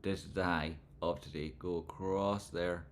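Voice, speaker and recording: Low-voiced man with broad Scottish accent. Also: steady tone, unhurried, a little hiss or hum. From Scotland. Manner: informal, rambling, not crisply enunciated. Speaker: livestream host and trading analyst. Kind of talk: live chart commentary and casual chat with viewers.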